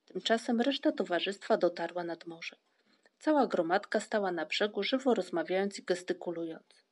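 Calm woman reading a storybook. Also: on the low side, normal speed, slight background noise. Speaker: narrator. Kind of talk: audiobook reading.

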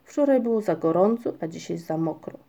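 A woman's voice: lowish voice, animated, brisk, creaky, warm tone. A woman voicing a fussy, timid male creature who frets and complains. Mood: fretful grumbling. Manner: anxious and complaining.

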